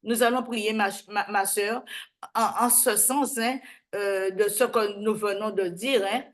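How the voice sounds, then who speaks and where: A woman evangelist giving informal bible teaching, halting and repeating words, often checking in with "d'accord?". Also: mid-range voice, steady tone. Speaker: evangelist and host.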